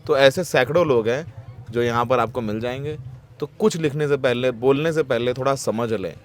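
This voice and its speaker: A man's voice: medium pitch, normal speed. A man, a ground reporter, closing his piece to camera in an earnest, reflective and emotionally moved way. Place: outdoors at a protest site.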